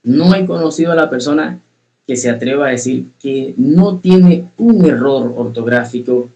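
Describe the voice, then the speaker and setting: A man's voice: medium pitch, warm tone, dull audio. Guy teaching a speaking class online, earnest, says things twice to drive it home, talks right to students. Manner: earnest, repeats key phrases for emphasis; addresses students directly, asks questions.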